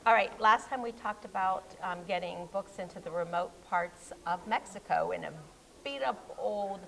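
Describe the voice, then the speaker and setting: On a local library show recorded at a public library, a woman co-hosts and chats casually about books. She's a children's librarian with an American accent and a creaky, medium-pitched voice at a moderate pace, often trailing off mid-word. The audio is poor, with a little hiss or hum.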